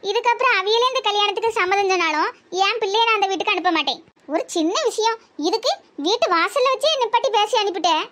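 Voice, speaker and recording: A woman with a Tirunelveli Tamil accent voicing a proud, sharp-tongued village mother in a cartoon, scolding with scorn. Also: very high-pitched, fast talker. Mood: indignant.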